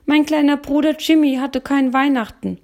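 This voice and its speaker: Woman doing a proud, excited boy of nine with a high, gravelly voice, storybook reading. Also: normal speed. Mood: earnest. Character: eager poor boy about nine, protective. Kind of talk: audiobook reading.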